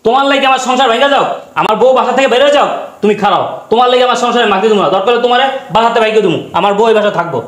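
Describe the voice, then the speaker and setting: A man's voice: extremely high pitch, rapid-fire, fairly bright tone. An actor playing a brusque young husband who throws his father out to please his wife. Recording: echoey room.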